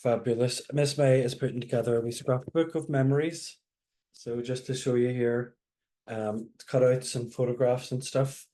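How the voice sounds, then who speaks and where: A man's voice: medium pitch, steady tone, moderate pace, dark tone. A man interviewing someone in a casual, conversational way. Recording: echoey room.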